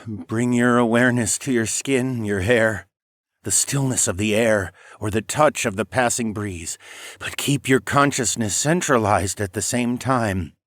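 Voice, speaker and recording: A feverish old great-granduncle mumbling meditation guidance in a fantasy audiobook, voiced by a man. His delivery is low and murmured, recorded dry and close. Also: measured pace, fairly bright tone, no echo. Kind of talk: audiobook character voice.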